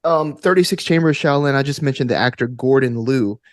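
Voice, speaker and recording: A man with a mid-range voice talks fairly quickly and casually as a podcast guest; he's an actor and tabletop gamer. His manner is enthusiastic and geeky, and he tends to ramble off on tangents. The recording is dry, with clean studio sound.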